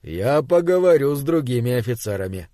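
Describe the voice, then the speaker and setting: A man's voice: mid-range voice, sing-song, a little fast, dry recording, studio quality, close to an everyday voice. A man reading a bossy, impatient spaceship captain. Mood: probing. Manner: impatient, shouting when pressed. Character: exasperated male spaceship captain, shrewd and bossy.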